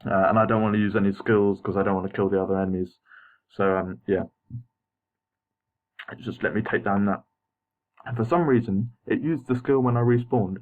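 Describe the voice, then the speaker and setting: A young man with braces narrates gameplay footage in an unscripted voice-over, his words slightly muffled by the braces. His voice sits on the low side with a steady tone, moderate pace and frequent pauses, and his commentary is casual, hesitant and apologetic. The home recording sounds muffled, almost like a phone.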